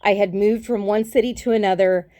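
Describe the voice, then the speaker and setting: A woman's voice: mid-range voice, steady tone, brisk, warm tone, dry recording. A woman giving a tarot reading in a casual, chatty livestream, affectionate and rambling as she sets up, speaking into a phone. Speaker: tarot reader.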